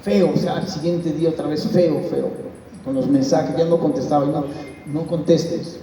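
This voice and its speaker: A man's voice: on the high side, steady tone, normal speed, dark tone. A middle-aged man, a pastor giving an earnest spoken testimony. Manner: earnest storytelling, acts out quoted voices. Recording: echoey hall, mic far off.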